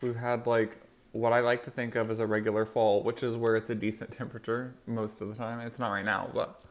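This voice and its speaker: Male eating-show host, average pitch, loose rambling chat delivered between and through bites, chewing while talking. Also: little pitch movement, brisk. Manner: rambling, loosely strung thoughts. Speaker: mukbang host.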